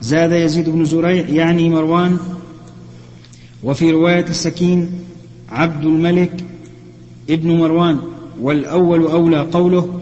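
A man reading a classical text aloud for his teacher in a lesson, steady and even, correcting himself now and then. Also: on the high side, moderate pace, pauses often, big-room sound, dull audio. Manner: steady, even recitation with small self-corrections.

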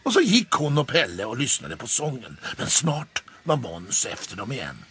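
A man narrating a children's story in a lively storytelling manner. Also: mid-range voice, slight background noise. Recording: faint background music.

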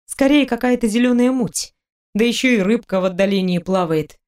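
A woman narrating an audiobook in an even, expressive reading voice. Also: a little high, a little fast, smooth. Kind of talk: scripted narration.

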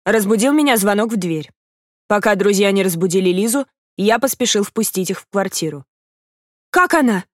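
A woman's voice: mid-range voice, brisk, a little mellow, no echo. Woman reading an audiobook, dry sound. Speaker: audiobook narrator. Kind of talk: scripted narration.

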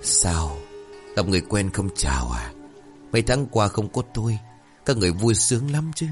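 A vengeful ghost of a murdered young wife, put on by a man telling the tale, taunting the living in a cold, low, hollow voice. Faint music plays beneath this spoken horror story. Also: animated, normal speed, lightly acted.

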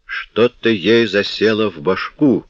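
A scheming thief grumbles as he sizes up a robbery, read by a man with a deep voice. Dull, dry, lo-fi sound. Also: slow, dry recording. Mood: grumbling. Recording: dull dry lo-fi audiobook recording.

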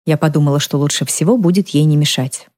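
A woman calmly narrating a first-person novel as an audiobook reader. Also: sits low, quick pace.

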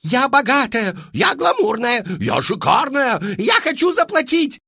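A man voicing a crowd of fashion-mad ladies who shout hysterically. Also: extremely high pitch, very animated, unhurried, creaky, breathy edge, no room sound, studio quality, pitched above the performer's own voice, full character voice.

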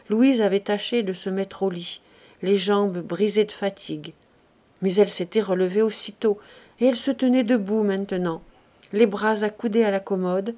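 A woman reads a classic novel aloud for an audiobook in a medium-pitched voice, her delivery measured and expressive.

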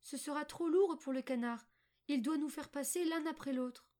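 A woman voicing a gentle, clever young girl who speaks in a high, earnest and pleading voice. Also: moderate pace, close to an everyday voice.

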